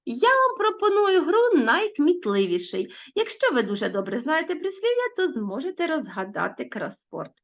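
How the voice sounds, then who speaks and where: Expressive woman teaching children, lively pitch. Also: moderate pace, hardly any pauses, dull audio. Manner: expressive, lilting delivery of quoted proverbs. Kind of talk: recorded online literature lesson for children.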